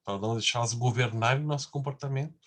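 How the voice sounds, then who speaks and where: A man's voice: medium pitch, fast. Male lecturer, conversational class delivery with constant tag questions.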